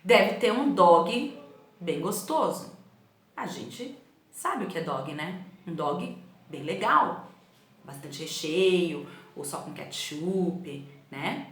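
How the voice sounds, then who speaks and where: Woman teacher, São Paulo accent, lowish voice, animated storytelling, roomy echo. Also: slow. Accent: São Paulo Portuguese. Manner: storytelling, animated, asks the class "né?". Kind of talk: recorded remote class. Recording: echoey room.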